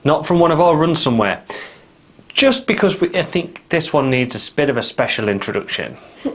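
A man's voice: fairly high pitch, big pitch swings, brisk. A man hosting a casual vlog, stumbling over his words, restarting and swearing at his own slip-ups. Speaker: vlog host. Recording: noisy background.

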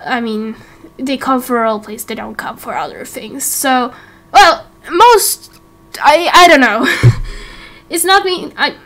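Speaking slowly in a high, fairly bright voice with lively intonation, a late-teen creator of a YouTube roleplay series chats to viewers in a loose, rambling update. She giggles and interrupts herself as she goes.

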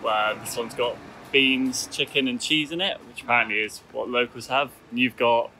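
A man hosting a casual travel vlog outdoors on a tropical island, chatty and relaxed, talking to a handheld camera. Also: mid-range voice, normal speed, slight background noise. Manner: chatty, relaxed, self-correcting. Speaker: travel vlogger host.

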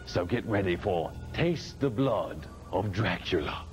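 A man speaking as a campy horror host, a mad monk with theatrical, joking patter full of puns. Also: sits low. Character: campy mad old monk hosting late-night horror films. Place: small TV studio set. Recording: 1980s TV broadcast with music behind.

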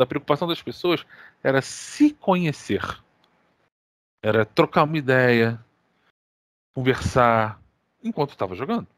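A man with a Brazilian accent hosting a gaming podcast, telling stories in casual, animated chat full of slang and swearing. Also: a little high, no echo. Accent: Brazilian Portuguese. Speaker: podcast co-host.

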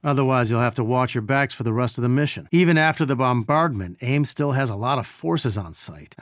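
A male actor plays an earnest scientist leading a resistance, steering heroes through video game missions with measured, dry wit. His medium-pitched voice sounds focused and wary, lightly acted, and recorded cleanly in a studio without echo.

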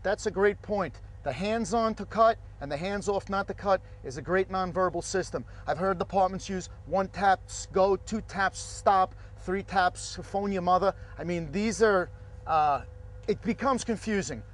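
A man's voice: sits high, measured pace. Emphatic man hosting a fire training video. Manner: emphatic, direct safety advice. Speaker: fire service instructor, show host.

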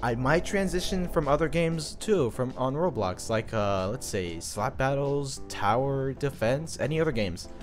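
A young man giving excited, playful gameplay commentary, shouting at the game now and then. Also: medium pitch, a little slow, hardly any pauses. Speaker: gaming video creator. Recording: game music playing softly behind.

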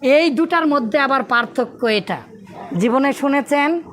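A woman's voice: high-pitched, unhurried, fairly bright tone. A woman teaching a classroom grammar lesson, asking questions and answering them herself and drilling verb forms over and over. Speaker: Arabic and English grammar teacher.

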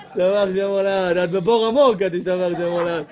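Against some background chatter, a rabbi delivers a funny sermon in a high voice. His storytelling is animated and comic, and he acts out other people's voices, women's among them.

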